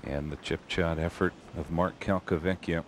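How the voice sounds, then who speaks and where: A male golf commentator giving measured live tournament commentary in short descriptive phrases. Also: low-pitched, steady tone, slight background noise.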